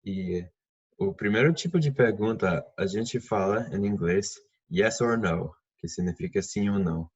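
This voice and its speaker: A man's voice: deep voice, darkish tone, muffled recording. A man, a native English speaker with a foreign accent in Portuguese, teaching an English lesson and patiently repeating example phrases. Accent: English-speaking learner of Portuguese. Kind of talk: online language lesson.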